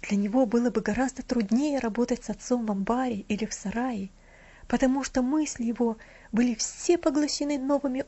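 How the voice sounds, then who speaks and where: A woman reads a children's storybook aloud in a steady, expressive way. Her voice sits somewhat high. The recording is dull and lo-fi. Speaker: narrator. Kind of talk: storybook reading.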